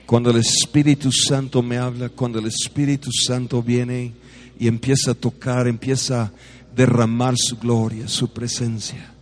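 A man preaching a charismatic sermon, swinging from shouted declarations to quiet storytelling and having the congregation repeat after him. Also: mid-range voice, flat delivery, normal speed. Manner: calls on the congregation to repeat phrases.

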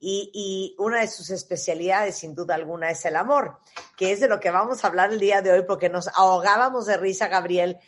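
A woman's voice: medium pitch, a little fast. A woman hosting a casual talk show and introducing her guest. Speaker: host. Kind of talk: casual chat.

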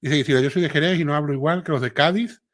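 A man's voice: a little high, fast. A middle-aged man with a Sevillian Andalusian accent, hosting a casual live chat and reading viewer comments aloud. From Seville, Spain. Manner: chatty, reads viewer comments aloud, frequent filler tags. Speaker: livestream host.

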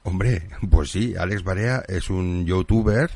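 Casting: deep, gravelly man hosting a chatty radio show, dry close sound. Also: takes it slowly, no echo. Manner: relaxed, laughing, reads listener messages. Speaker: radio host. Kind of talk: casual radio chat.

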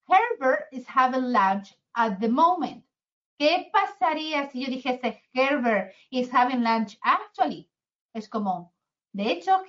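Lively teacher woman, lo-fi. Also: sits high. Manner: chatty, asks "¿vale?" often. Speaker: English teacher. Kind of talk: online grammar lesson. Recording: dull lo-fi sound.

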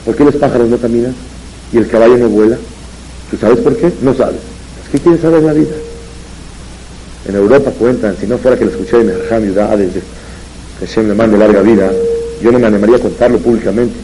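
A man delivers a rabbi's Torah lesson full of anecdotes. His voice is warm and dark, and it rises and gets louder when he drives a point home. A faint hiss sits under the recording. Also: on the low side, brisk, long pauses, low-quality recording. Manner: storytelling, rising and louder on emphatic points. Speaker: rabbi giving a Torah talk. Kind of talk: religious lecture with anecdotes.

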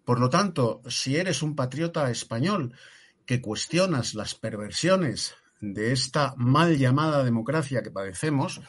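Husky, emphatic Spanish man commentator. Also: medium pitch, expressive, measured pace. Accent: Peninsular Spanish. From Spain. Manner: emphatic, rhetorical questions, frequent tag "¿eh?". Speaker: political commentator. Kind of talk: opinionated talk show commentary.

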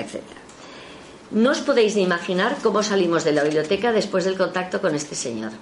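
A woman telling a spiritualist story in a casual spoken anecdote, her voice leaping in pitch when she quotes others. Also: a little hiss or hum. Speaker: storyteller recounting a spiritualist session.

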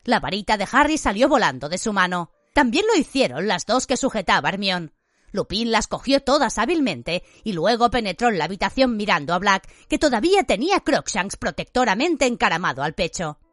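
A woman narrating an audiobook with an expressive storytelling delivery, recorded in a dry studio. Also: medium pitch, a little fast, no room sound. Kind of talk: scripted narration. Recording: dry studio read with faint music.

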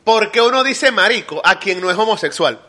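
A man from Caracas with a Caracas Venezuelan accent chats casually as a podcast co-host. His voice is high and bright, and he speaks with a light, forward edge. He is relaxed and agreeable, and he slips in quick quips. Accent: Caracas Venezuelan Spanish. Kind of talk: casual chat.

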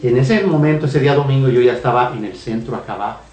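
A man's voice: mid-range voice, fast talker, darkish tone. A man earnestly telling a personal faith testimony on a radio talk show, with hesitations and repeated phrases. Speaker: guest giving testimony. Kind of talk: emotional spoken testimony. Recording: echoey room, heard from a distance, faint music.

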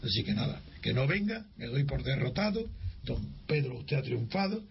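Creaky and husky, his mid-range voice keeps a moderate pace as the older Spanish man recalls a personal story for an interviewer. He performs the exchanges vividly, restarting often. Sound quality is dull and lo-fi with light hiss.

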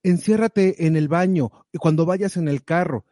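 A man giving lively, direct, motivational advice in a casual conversation. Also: on the high side, moderate pace, dry recording, studio quality. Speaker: guest sharing advice.

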